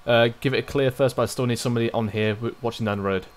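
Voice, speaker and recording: A man's voice: medium pitch, steady tone, racing, a little hiss or hum. A man as platoon commander, giving clipped military radio calls in a game.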